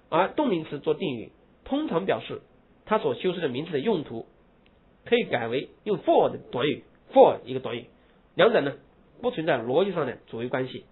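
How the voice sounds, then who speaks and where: A man teaching English grammar, explaining in Mandarin and reading English example phrases slowly and with emphasis. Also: on the high side. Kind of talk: lecture. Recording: husky lo-fi phone-like recording.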